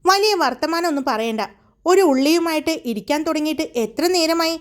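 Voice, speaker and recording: Lady reading a cheeky young girl in a story, playful and whiny, high pitched. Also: animated, fairly quick.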